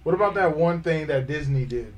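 A man's voice: fairly high pitch, lively intonation, brisk. A man chatting casually with friends, reacting and asking things in slangy frat-bro style. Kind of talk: casual group chat with friends.

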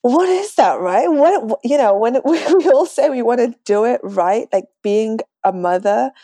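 This podcast guest is a London woman in her twenties whose accent has picked up a slight American tinge. In a casual conversational interview, her warm, slightly high voice moves at a moderate pace with lively intonation. The recording is dry.

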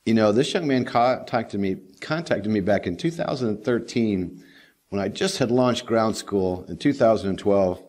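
A man's voice: on the low side, moderate pace, a little mellow. A middle-aged man hosting a daily helicopter training video, rambling in a folksy casual way with lots of "you know". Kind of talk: casual talking-head monologue.

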